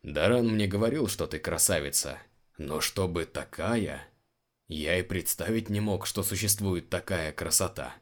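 A man's voice: low-pitched, measured pace. A man reading the lines of a rueful, bluff male guard in his own voice. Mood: smitten.

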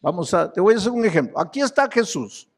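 High-voiced preaching man, emphatic. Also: big pitch swings. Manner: emphatic preaching, swinging between loud high exhortation and low slow explanation. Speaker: pastor. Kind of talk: sermon.

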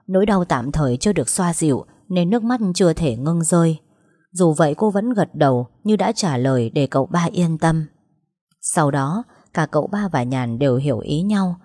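Low, mellow woman storyteller. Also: lively intonation, normal speed, no echo, clean studio sound. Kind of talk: scripted audiobook narration.

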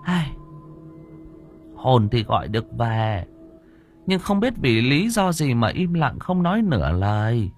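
A man voicing a stern female spirit medium in a village, speaking in a solemn, measured way. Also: medium pitch, sing-song, faint music behind, voice pushed up.

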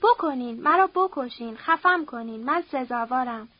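A woman's voice: high voice, lively intonation, husky, dry recording, muffled recording. A woman reading an audiobook, voicing a desperate young widowed daughter who begs and weeps. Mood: pleading. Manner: pleading, tearful, begging.

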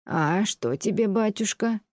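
A woman voicing a lonely, fretful old landowner lady who scolds in a slow, plaintive way, as an audiobook reading. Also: mid-range voice, expressive, darkish tone, no echo, clean studio sound, voice pushed up. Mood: reproachful. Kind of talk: audiobook reading of classic prose.

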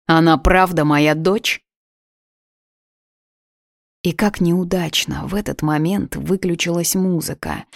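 Low-voiced woman narrating an audiobook. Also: gravelly, darkish tone, no room sound, clean studio sound. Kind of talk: first-person audiobook narration.

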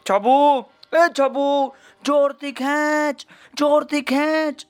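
A man's voice: extremely high pitch, level tone, drawn-out words, voice pushed up, full character voice. A man voicing a mischievous male monkey in a children's story, teasing his friend. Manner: teasing, laughing.

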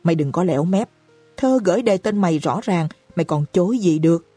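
A woman voicing a hot-tempered young husband in an audiobook, hurling rapid, furious accusations. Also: lowish voice, lively intonation, mellow, breathy edge, dry recording, soft background music.

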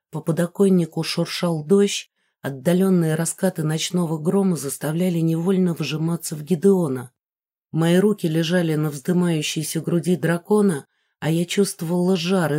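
A woman's voice: low voice, dark tone. Woman reading a novel aloud. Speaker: audiobook narrator. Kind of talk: scripted first-person narration.

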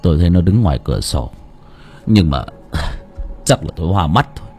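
A man's voice: sits low, animated, moderate pace, mellow, husky, faint music behind, pitched below the performer's own voice. A man voicing an old father overcome by grief and fear, stammering and wailing as he talks. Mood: subdued. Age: older.

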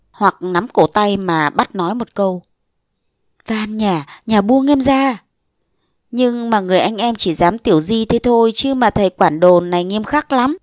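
A woman narrating a short story aloud in lively storytelling style, acting out the dialogue in changed voices. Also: mid-range voice, dry recording, clean studio sound. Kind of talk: audiobook reading of a short story.

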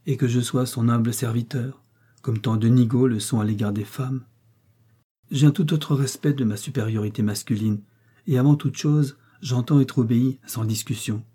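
A man's voice: mid-range voice, fairly even intonation, moderate pace, warm tone, breathy edge, natural voice. Man doing a haughty, cold-hearted prince. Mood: cold, commanding. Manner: commanding, cutting and sarcastic. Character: haughty domineering male prince, coldly ironic.

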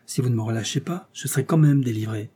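A man's voice: medium pitch, fast, dark tone, breathy edge, close to an everyday voice. A man voicing a defiant, violent male circus clown who taunts the detective with sarcasm and, later, desperate pleading. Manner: sarcastic, raging, then pleading.

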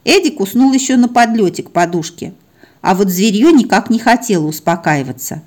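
Wry, expressive woman reading a story. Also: medium pitch, fairly quick. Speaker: narrator. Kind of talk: first-person humorous story reading.

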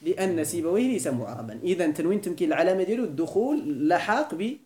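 A man's voice: sits high, big pitch swings, very fast, darkish tone. A man with a Moroccan Arabic accent teaching a classroom grammar lesson, quizzing the students with frequent questions and repeating key points. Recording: echoey room.

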